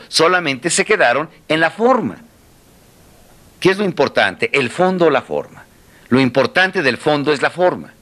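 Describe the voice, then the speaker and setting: A man's voice: medium pitch, fairly bright tone. A man giving a motivational talk, asking rhetorical questions and repeating key words for emphasis. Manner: rhetorical questions, dramatic pauses, repetition. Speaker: motivational speaker. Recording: faint music behind.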